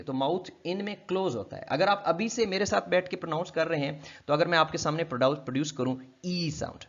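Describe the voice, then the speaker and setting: A man from Pakistan lecturing on phonetics, explaining a textbook chapter, asking and answering his own questions and drawing out sample sounds slowly. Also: high voice. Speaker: linguistics lecturer. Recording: dull lo-fi lecture recording.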